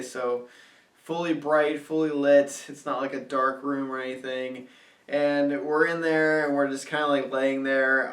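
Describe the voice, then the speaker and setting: A man telling a personal story in a casual vlog, animated and laughing often as he talks. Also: on the high side. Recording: roomy and a bit distant from the mic.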